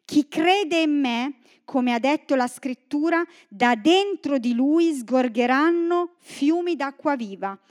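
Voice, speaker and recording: A woman's voice: sits high, takes it slowly, few pauses. A woman from northern Italy preaching a sermon in a church, reading scripture and joking with the congregation. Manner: lively, joking asides to the congregation.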